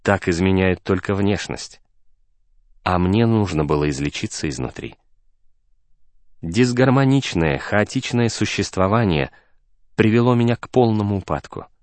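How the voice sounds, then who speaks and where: A man voicing a calm, renewed middle-aged man who speaks slowly, softly and with measured care in an audiobook. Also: deep voice, dry recording.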